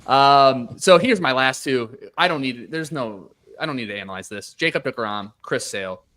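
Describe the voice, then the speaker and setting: A man's voice: medium pitch, lively intonation, normal speed, sharp tone. Hedging male podcast host. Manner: thoughtful, hedging, many fillers. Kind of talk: casual podcast chat.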